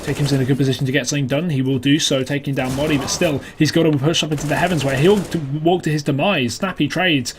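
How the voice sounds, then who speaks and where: A man's voice: fairly high pitch, steady tone, quick pace, few pauses, background noise. A man commentating on an esports match as a caster, mixing clipped calls with conversational analysis.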